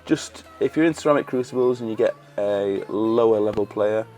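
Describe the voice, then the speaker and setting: A gaming video creator who is losing his voice keeps up relaxed, slangy running commentary over a strategy game he's playing. His voice sits on the low side at a moderate pace, with faint music in the background.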